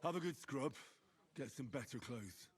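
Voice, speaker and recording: Actor voicing calm practical young squire, lively intonation, game voice. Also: male voice, medium pitch, moderate pace, close to an everyday voice. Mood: earnest. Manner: calm, reasoning. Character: steady, practical young man, a humble squire. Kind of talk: game voice acting.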